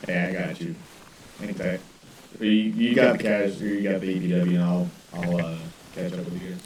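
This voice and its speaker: A man in casual military game chat, halting and correcting himself as he passes on instructions. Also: low voice, level tone, a little mellow, a little hiss or hum. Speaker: player in a military game squad. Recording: distant echoey game voice chat with music behind.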